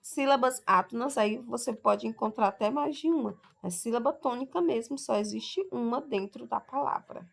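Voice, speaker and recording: A woman teacher giving a recorded lesson for sixth graders, explaining step by step and drawing out each example word slowly, often checking in with "tá?" and "ok?". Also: a little high, vocal fry. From Brazil.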